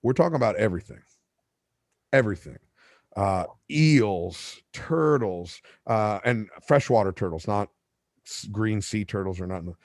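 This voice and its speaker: This man's voice is lowish and darkish in tone, a little slow, captured in clean studio sound without echo. As a podcast host whose native language is Spanish, he tells an extended story in a meandering way, restarting, correcting himself, and adding side comments.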